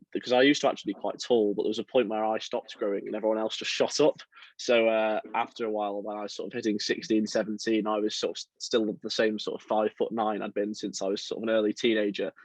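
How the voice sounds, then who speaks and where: A young man from around Liverpool, chatting as a football writer guest in a relaxed, self-deprecating way with lots of fillers. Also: lowish voice, fast talker, no echo. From England, around Liverpool. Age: young adult. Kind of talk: casual interview chat.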